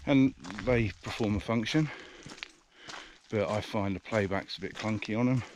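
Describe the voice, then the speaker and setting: British man, low pitch, casual outdoor vlogger, slightly winded, hesitant and chatty, camera mic with noise behind. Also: normal speed. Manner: rambling, hesitant, many fillers. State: out of breath. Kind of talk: casual walking vlog. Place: outdoors in the countryside, walking by a river. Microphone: action camera's built-in mic.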